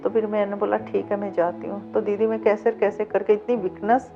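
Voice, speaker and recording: A middle-aged woman, a cab driver, tells her own life story as an interview guest, vividly acting out old conversations as she recounts them. Her mid-range voice keeps a level tone and a brisk pace. The sound is dull and lo-fi, with faint music in the background.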